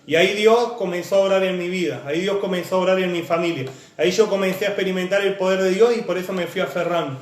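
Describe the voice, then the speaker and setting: A man preaching, his voice pitched high for a man and ringing with reverb in a church room. He talks earnestly, stacking repeated phrases and lists as he weaves personal testimony into the sermon. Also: fast talker, few pauses, a little hiss or hum.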